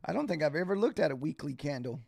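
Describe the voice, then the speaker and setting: A livestreaming futures day trader hosts casual live trading commentary, answering viewers in an informal, halting way as he thinks aloud. His gravelly voice is slightly high-pitched with big pitch swings and a darkish tone, and it's starting to get hoarse. The recording is dry.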